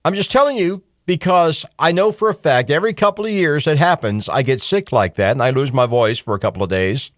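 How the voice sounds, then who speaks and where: In a radio studio, a middle-aged host delivers a call-in talk radio monologue into a studio microphone, with studio-quality sound and no echo. His slightly high voice runs a little fast with few pauses. The tone is blunt, conversational and lightly profane, lively and hectoring, with frequent fillers and restarts.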